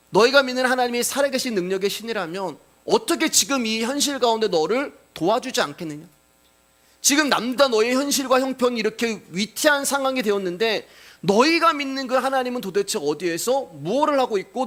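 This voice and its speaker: A scornful foreign official sneers at his enemies, firing off mocking rhetorical questions, acted out by a man. The voice sits high and pushes louder than plain talk. It is an arrogant, jeering taunt. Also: animated, a little fast. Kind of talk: acted quote within a sermon.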